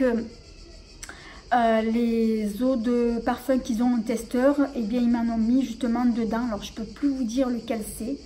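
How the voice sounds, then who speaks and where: A woman's voice: a little high, dark tone, a little hiss or hum, poor audio. A woman vlogger chatting casually about her collection, hesitant and full of fillers and restarts. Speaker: beauty vlogger. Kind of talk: casual show-and-tell vlog.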